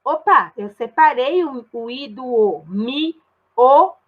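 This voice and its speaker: A woman's voice: sits high, expressive, unhurried, highs cut off, noisy background. A woman with a Brazilian Portuguese accent, a primary school teacher giving a recorded grammar lesson step by step and often checking in with her pupils. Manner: patient, explains step by step and checks in with tag questions.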